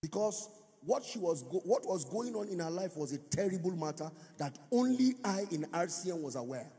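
High-voiced preacher in a reverberant hall. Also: male voice, sing-song, normal speed, warm tone. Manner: preaching with sung, rising emphatic phrases and call-and-response. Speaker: pastor. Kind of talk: conference sermon teaching. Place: large church or conference hall.

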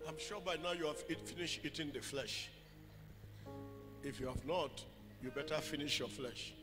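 A man preaches fervently into a pulpit microphone, his high voice rising into loud sung cries. His voice rings through a hall with a long reverb. Music plays clearly behind him. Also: normal speed. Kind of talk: sermon.

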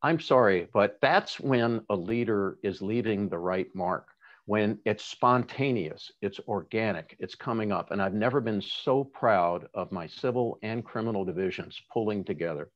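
A man's voice: lowish voice, moderate pace, highs cut off. A man running for reelection as city attorney, speaking earnestly and passionately in an endorsement interview, often restarting his sentences. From Seattle area. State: tearful at times.

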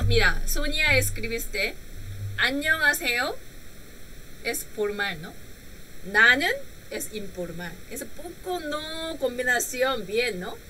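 A woman whose first language is Korean leads a live-streamed language lesson. Her voice is very bright and a little high, with a lively, swooping pitch. She talks patiently and slowly through each point, often checking in with a questioning "right?". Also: slight background noise, rough recording. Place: home room.

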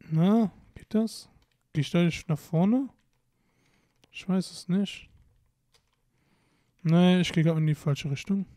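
A man's voice: high voice, darkish tone, dry recording, studio quality. A young man giving casual, playful commentary while playing a video game, often exclaiming and muttering to himself. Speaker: let's play commentator.

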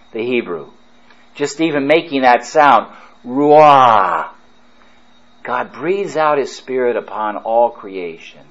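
A priest preaching a retreat sermon, fervent and emphatic, drawing his phrases out slowly. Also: mid-range voice, lo-fi sound.

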